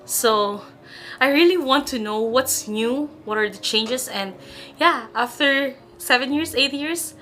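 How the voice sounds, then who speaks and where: A woman's voice: high voice, takes it slowly, sharp tone, a little hiss or hum. A woman from the Philippines, a returning tourist, giving earnest interview answers in simple phrasing.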